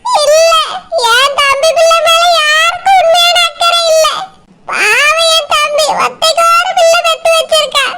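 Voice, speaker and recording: Super shrill crying old cartoon granny type, yells thru tears, loud noisy hiss behind. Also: female voice, steady tone, measured pace. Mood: wailing. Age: older. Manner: wailing, shouting through tears. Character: tearful elderly village mother-in-law, fretful and loud. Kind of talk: cartoon village comedy voice acting. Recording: loud background noise.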